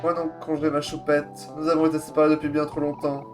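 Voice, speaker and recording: A man's voice: on the high side, completely flat delivery, brisk, music in the background, lightly acted. A man voicing a melodramatic, lovesick young space captain who pleads with his beloved.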